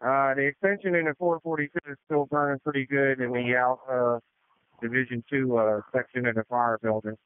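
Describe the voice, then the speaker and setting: A man acting as fire incident commander, reporting over a two-way radio in a halting way with many uh fillers. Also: medium pitch, steady tone, smooth, no echo. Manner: halting, frequent uh fillers, matter-of-fact. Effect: two-way radio transmission. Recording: tinny dry radio channel.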